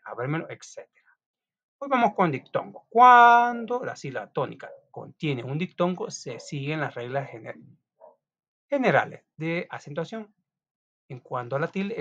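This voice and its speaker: Guy teacher going over spelling notes, chatty, voice jumps up and down a lot, dull muffled audio. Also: fairly high pitch. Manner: lively, chatty, with restarts and asides. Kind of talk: classroom lesson reading notes aloud. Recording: dull lo-fi recording.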